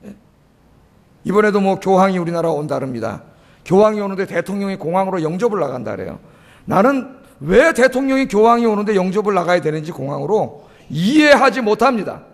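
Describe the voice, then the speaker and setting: A middle-aged man preaches from the pulpit with a voice pitched well above most men. He presses his points hard and keeps throwing questions back at the congregation. The sound carries a long church-hall reverb. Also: very animated, brisk, creaky. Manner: emphatic, keeps asking the congregation rhetorical questions and prompting "eh?". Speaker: pastor. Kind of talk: sermon. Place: church sanctuary.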